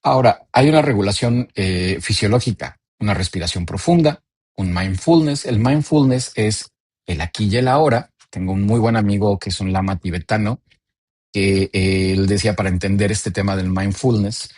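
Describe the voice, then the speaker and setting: Low, husky Mexican man explaining calmly. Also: moderate pace, dry recording, clean studio sound. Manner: calm, explanatory, personal anecdotes. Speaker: speaker. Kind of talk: talk on emotions.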